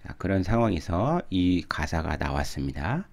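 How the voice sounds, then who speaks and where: A man teaching English pronunciation through song lyrics, calmly explaining and slowly repeating words to model them. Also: low voice, vocal fry. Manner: calm explanatory.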